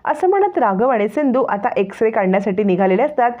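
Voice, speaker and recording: Woman narrator, steady storytelling, serial plot retelling, fairly high voice, phone-like sound. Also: fast talker.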